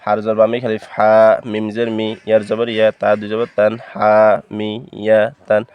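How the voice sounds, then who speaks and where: Patient man spelling out syllables slowly. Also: on the low side, completely flat delivery, clean tone, dry recording, highs cut off. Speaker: Quran reading teacher. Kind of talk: slow spelling-out recitation lesson.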